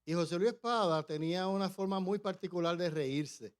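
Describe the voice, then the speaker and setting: A man preaching a testimony in church, telling the story with halting restarts and acted-out voices. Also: high voice, clean tone. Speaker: pastor. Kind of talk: testimony sermon.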